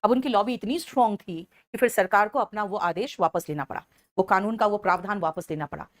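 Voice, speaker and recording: Speaking at a medium pitch, a woman teacher leads a lively vocabulary session for exam prep, addressing students as "beta" and slowing her delivery to dictate definitions in English.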